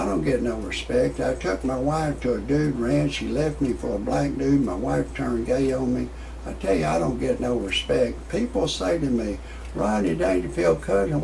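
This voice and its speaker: Speaking to his online audience, a sixty-something man who hosts his own comedy show rambles through a folksy, amateur stand-up style monologue with commentary. His medium-pitched voice has a darkish tone and vocal fry, with a little background noise present.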